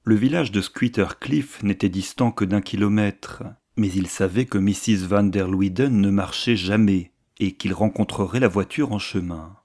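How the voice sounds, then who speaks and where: An audiobook narrator reads a classic novel aloud in a low voice. His pacing is measured and literary, and his narration stays steady and composed from start to finish.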